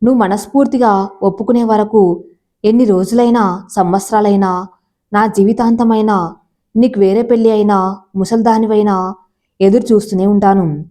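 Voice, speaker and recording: A devoted young man pours out his love in a soft, pleading way, as a woman storyteller reads his lines. The voice stays mellow and warm, at a middling pitch for a woman's reading. It is an everyday reading voice, not a big character voice. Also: fairly even intonation, normal speed, long pauses, lightly acted. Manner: tender, pleading, emotional.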